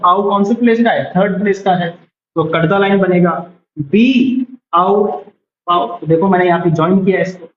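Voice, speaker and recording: High-voiced man teaching shorthand. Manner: patient, repeats words slowly, asks class for doubts. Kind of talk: classroom lesson. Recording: roomy, dull lo-fi sound.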